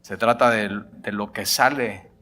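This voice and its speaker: A man preaching a sermon as pastor, retelling a story with lively acted-out dialogue and jokes. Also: on the low side, measured pace.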